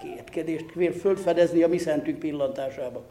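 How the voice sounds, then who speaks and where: A man telling an old folk tale in a lively, folksy way with rustic, old-fashioned words. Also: fairly high pitch, reverberant. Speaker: storyteller.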